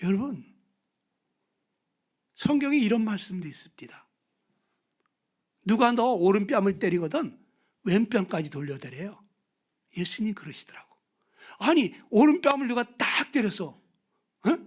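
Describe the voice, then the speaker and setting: A man preaching a revival sermon, swinging from loud exclamations to hushed whispers and prodding the audience with questions. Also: sits high, sing-song, unhurried, pauses often. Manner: prods the audience with questions and tag words. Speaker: guest preacher at a revival meeting.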